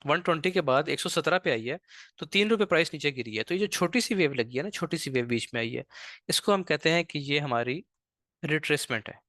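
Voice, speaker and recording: A man teaching a live online trading class, patient and slow on purpose, often checking in with "ठीक है". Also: a little high, expressive, fairly bright tone, no echo, clean studio sound. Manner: speaks slowly on purpose.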